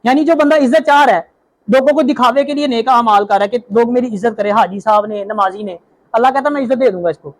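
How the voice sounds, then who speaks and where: A young man preaching a religious talk, telling stories and asking rhetorical questions. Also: very high voice. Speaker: Islamic preacher.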